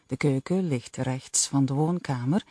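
Slow, dark-toned woman narrating. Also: extremely low pitch, husky, no room sound, clean studio sound. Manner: slow, even reading. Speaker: audiobook narrator. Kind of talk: first-person audiobook narration.

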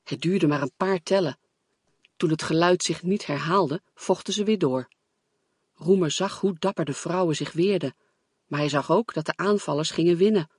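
A man with a slightly raised, husky voice narrates a story with tense, dramatic pacing. The sound is close and dry, with no room around it. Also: on the high side, no room sound. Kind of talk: scripted audiobook narration.

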